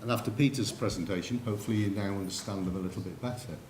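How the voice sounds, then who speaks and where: A man with an English accent and a fairly low voice delivers a rapid-fire conference talk, full of anecdotes and direct address to the audience. The lecture room is echoey and a faint noise is present.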